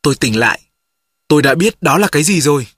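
A man narrating an audiobook in the first person, in a measured storytelling manner. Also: on the high side, animated, a bit bright, slightly rough, no room sound, studio quality.

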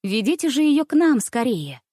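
A calm, gentle governess who soothes a fussy child in a lower, steady voice , as a woman reads her in a storybook. Close and dry. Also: moderate pace, no room sound. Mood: soothing. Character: calm adult female governess.

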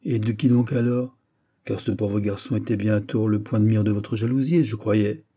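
A man reading aloud, voicing a gentle, calm queen mother in her later years. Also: fairly low pitch, normal speed, husky. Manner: soft, gently teasing.

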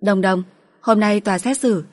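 A woman voicing a calm young mother in an audiobook, speaking gently and in a measured way. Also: mid-range voice, close to an everyday voice. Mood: gentle.

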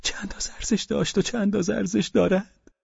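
Brief: male narrator doing a drunk, groveling husband, pushed way up in pitch, husky, swinging between whines and shouts. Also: sing-song, no room sound, dull audio, heavily acted. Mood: frantic pleading. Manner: pleading, insistent, high and strained. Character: drunk, fawning, excitable middle-aged husband.

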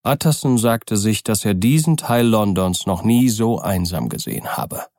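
A male audiobook narrator reading in a measured, even way, his voice on the low side. The sound is dry and close, with no room around it. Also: dry recording. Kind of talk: scripted narration.

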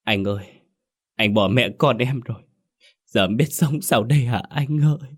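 A man's voice: medium pitch, moderate pace, slightly rough, voice pushed up, natural voice. A man voicing a grieving young widow who wails and sobs. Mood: wailing grief. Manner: wailing, sobbing cries.

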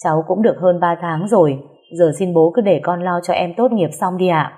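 A calm young man speaks earnestly and respectfully, steady and low, as a woman narrator voices him. He sounds composed even under pressure. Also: a little fast, lightly acted.

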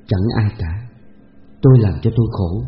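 A man's voice: fairly low pitch, moderate pace, close to an everyday voice. A man voicing a sorrowful young man who speaks earnestly and consolingly. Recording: roomy, dull lo-fi recording with faint hiss.

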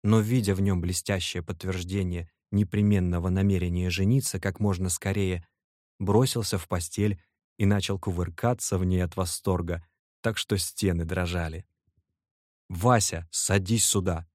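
Low-voiced male audiobook reader. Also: steady tone, moderate pace, darkish tone, no echo, studio quality. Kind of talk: literary audiobook narration.

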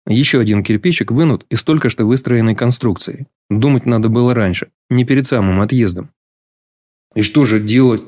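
A male audiobook narrator with a mid-range voice that is neither high nor low. He reads the novel in a measured, even storytelling manner and keeps a steady, unhurried flow of scripted narration. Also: no room sound.

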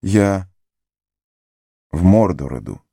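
Man reading a burdened hobbit: low, warm, earnest, dry close sound. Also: animated, slow, creaky, no echo, heavily acted. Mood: weary. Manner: earnest, tired, gently firm. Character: young male hobbit, weary, resolute, burdened. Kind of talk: audiobook character voice.

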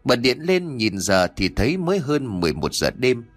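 A man narrating a ghost story, reading with lively expression and voicing the characters' lines himself. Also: mid-range voice, normal speed, soft background music.

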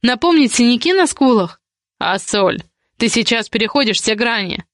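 A woman's voice: expressive, dry recording, clean studio sound, lightly acted. Woman voicing a domineering angry guardian man. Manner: curt, commanding, low and slow.

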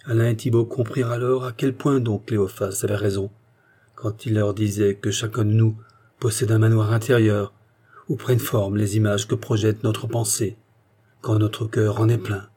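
A man narrating a short story in a calm, measured manner. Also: on the low side, breathy edge. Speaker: audiobook narrator.

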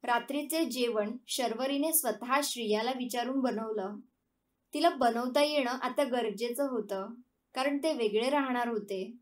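Woman narrator, slow measured reading, fairly high voice, mic at a distance. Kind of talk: scripted story narration.

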